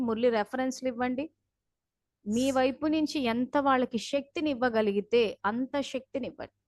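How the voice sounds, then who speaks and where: A woman's voice: sits high, dry recording, studio quality. A woman leading a spiritual class over a video call, talking earnestly and instructively while recounting heated phone calls.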